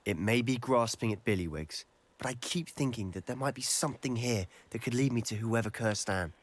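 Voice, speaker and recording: A man's voice: mid-range voice, natural voice. An actor playing an earnest young male wizard student, in video game dialogue. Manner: earnest, measured storytelling.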